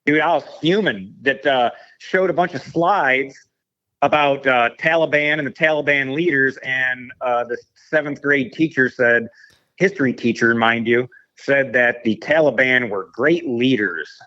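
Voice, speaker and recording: A man's voice: medium pitch, a little slow, bright, forceful tone. A man telling a story in a casual podcast conversation, acting out the voices of the people he quotes. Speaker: veteran guest. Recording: dull lo-fi sound.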